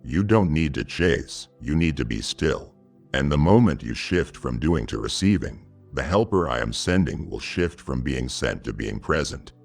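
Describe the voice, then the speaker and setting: A man delivers scripted devotional narration, addressing the listener directly and intimately. His voice sits extremely low and carries a gravelly rasp, paced in a solemn, measured way. Soft music plays faintly underneath. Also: expressive. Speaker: devotional narrator speaking as God.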